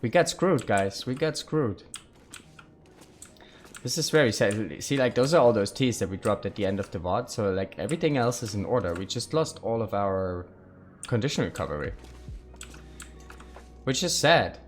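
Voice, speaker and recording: A man's voice: on the low side, expressive, normal speed, slight background noise. A man live-streaming a survival game, thinking aloud and chatting casually with his viewers.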